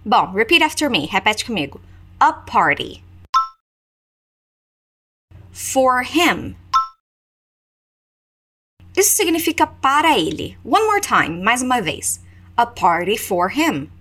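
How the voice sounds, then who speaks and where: A woman teaching English. She gives repeat-after-me drills, slows down to model English phrases, then explains them in Portuguese. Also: a little high, very animated, pushed and bright.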